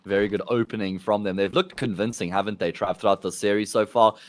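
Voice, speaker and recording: South African man casting esports. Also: on the low side. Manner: quick, animated calls over game action. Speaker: esports caster. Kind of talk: live esports play-by-play commentary. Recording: faint game gunfire underneath.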